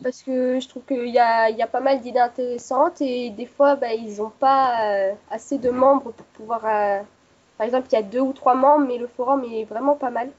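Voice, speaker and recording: A woman's voice: on the high side, fairly even intonation, normal speed, darkish tone. A young woman, new to the radio team, answering questions hesitantly with many fillers. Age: young adult. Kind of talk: casual interview. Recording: dull lo-fi online audio.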